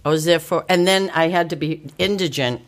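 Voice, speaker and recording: A middle-aged woman telling her story in casual chat, candid, with quick asides and frequent laughter. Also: deep voice. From Italian-American family, northeastern US. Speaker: podcast guest.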